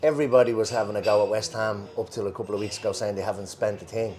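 Irish man, low wry voice. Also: fairly even intonation, very fast, a little mellow. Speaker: football show co-host. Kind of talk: casual live chat. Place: pub in Liverpool. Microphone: worn mic.

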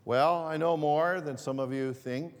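Male pastor, sermon delivery, slow pace, slightly high voice, long hall reverb. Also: fairly even intonation. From northern Greece. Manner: repeats and restarts phrases, slow and deliberate.

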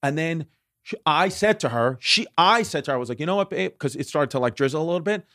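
A man's voice: on the high side, expressive, fast talker, a bit bright, no echo, studio quality. Rambling, laughing male podcast host. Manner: rambling, repeats words, laughs often. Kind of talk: casual comedic chat.

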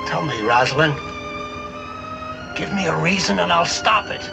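A gravelly, high-pitched middle-aged man begs in a 1960s movie scene. His rough voice rides over swelling film music. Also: lively intonation, normal speed. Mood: pleading. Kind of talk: 1960s film drama acting.

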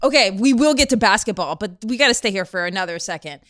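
Woman host, mid pitch, teasing friendly questions. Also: expressive, fast talker, a bit bright. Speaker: interviewer. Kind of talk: casual interview.

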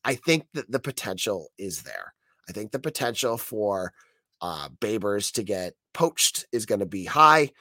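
This solo sports podcast comes from an American man whose sickness has left his voice hoarse and frog-like. He's very animated and opinionated yet conversational, speaking on the low side and a little slowly, with a pushed, bright quality. The studio-quality recording has no room sound.

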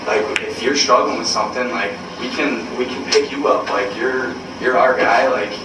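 A young man speaking candidly to his team in a halting, earnest, blunt way with swearing, caught on a secret recording. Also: medium pitch, fairly even intonation. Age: young adult. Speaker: college basketball player. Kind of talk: candid speech at a team meeting. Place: indoor room, captured from far off. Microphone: hidden recorder, far from the speaker. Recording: secret recording, distant, echoey, noisy, muffled room sound.

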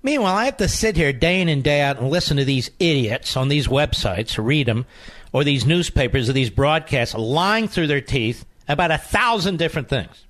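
A man's voice: on the high side, animated, moderate pace, a bit bright. A man hosting a talk radio show, delivering an indignant, sarcastic monologue and taking calls. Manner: indignant, sarcastic, mocking opponents.

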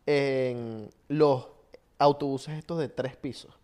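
A man's voice: medium pitch, slow. A man with a Venezuelan Spanish accent co-hosting a podcast in casual, slangy chat, laughing often. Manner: animated, laughs a lot, slangy. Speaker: podcast co-host. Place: Miami.

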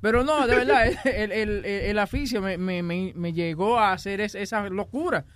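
A man's voice: sits high, normal speed, fairly bright tone, dry recording. A man on a radio show, telling personal stories in casual banter with laughs along the way. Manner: confessional, laughing storytelling.

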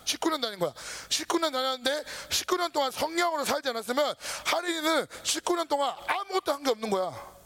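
A man preaching a casual sermon to a youth group, lively and informal, acting out his listeners' worries. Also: very high voice, fast, hardly any pauses. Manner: lively, talks down to students casually, acts out their worries. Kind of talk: sermon to teenagers.

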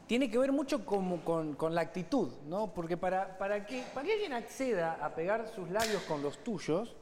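Argentine guy rambling thru a story, kinda high voice, echoey room w some hiss. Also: expressive. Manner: storytelling, halting restarts. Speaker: podcast co-host. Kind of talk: comedic podcast banter.

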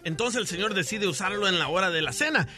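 A man on a radio show, loud and shouty as he tells jokes. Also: sits high, lively intonation, fast talker. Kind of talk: joking radio banter.

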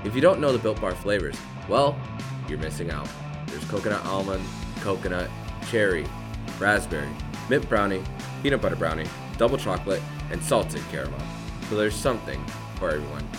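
A man reading a scripted podcast ad as an upbeat promotional sales pitch. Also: animated, fairly quick, music in the background. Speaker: podcast host. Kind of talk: scripted ad read.

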